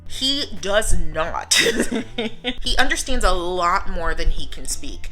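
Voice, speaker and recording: An upbeat woman from the United States chats to her viewers in a relaxed vlog, laughing often. Her voice sits fairly low but sounds bright and forward, with a little music playing faintly underneath. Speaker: vlogger. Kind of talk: casual vlog talk to camera.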